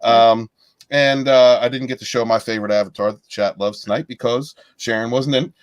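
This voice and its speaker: A man's voice: mid-range voice, steady tone, fairly quick, dry recording. An easygoing man rambling through his take on a podcast panel. His voice is close and dry, with no room sound around it. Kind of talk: casual chat.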